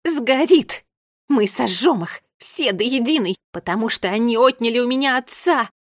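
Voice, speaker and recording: A woman's voice: a little high, sing-song, normal speed, husky, no room sound, clean studio sound. A woman reading aloud and voicing a furious, vengeful girl who shrieks and hisses. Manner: shrieking, spitting rage.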